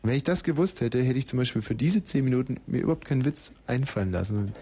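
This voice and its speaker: A male radio host chats live on air. He jokes, laughs often and narrates what is happening in the studio like a sportscaster. His voice sits at a middle pitch. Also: lively intonation, fast talker, dark tone, slightly rough. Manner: joking, frequent laughter, mock play-by-play.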